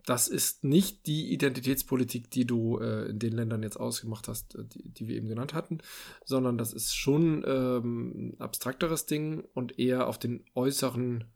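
A man's voice: medium pitch, moderate pace, creaky, a little mellow. A man in a casual political discussion, thinking aloud with frequent fillers and restarts.

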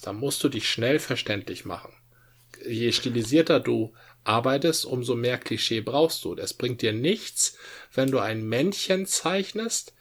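Man explaining with measured emphasis. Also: mid-range voice, a bit bright. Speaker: podcast co-host. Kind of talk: casual podcast chat.

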